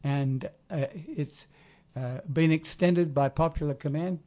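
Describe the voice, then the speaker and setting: Halting, mellow male community radio host. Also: on the high side. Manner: halting, rambling, searching for words. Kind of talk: casual community radio talk.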